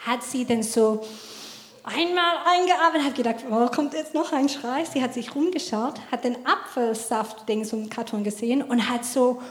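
A woman telling a parenting story in a casual faith talk, lively and laughing often, her German grammar slightly broken. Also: a little high, moderate pace. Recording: roomy echo.

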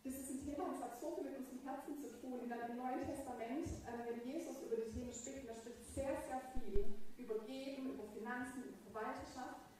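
A woman preaches a sermon in an earnest, conversational way and drops in casual words. Her voice sits fairly high and rings around a very echoey church hall. She sounds distant from the mic, with faint noise behind her. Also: fairly even intonation, brisk, mellow.

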